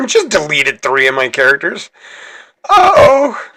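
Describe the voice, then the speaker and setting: A man's voice: medium pitch, moderate pace, a bit bright, no room sound. A man hosting his gaming channel, chatting casually through gameplay, rambling and correcting himself as he goes. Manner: chatty, rambling, self-correcting, laughs easily.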